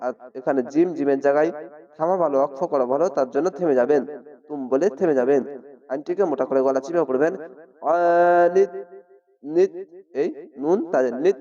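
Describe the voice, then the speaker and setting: Man, higher voice, mellow tone, patient recitation teacher, recorded from a distance with a dull, muffled sound. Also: steady tone. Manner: explains each word, then slowly chants it. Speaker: Quran reading teacher. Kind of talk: slow tutorial with drawn-out chanted recitation.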